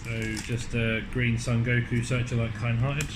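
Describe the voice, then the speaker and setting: Even-toned man reading out game cards. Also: mid-range voice, normal speed. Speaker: card game box opening co-presenter. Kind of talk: casual commentary, reading out card text. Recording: steady background hum and room noise.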